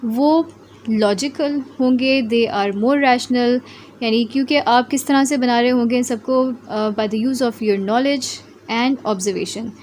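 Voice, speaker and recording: Slow, high-voiced Indian woman lecturing. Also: a little mellow. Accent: Indian English. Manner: slow read-aloud English lines, quick Hindi explanations. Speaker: physiotherapy educator. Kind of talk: lecture mixing English and Hindi. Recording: faint background noise.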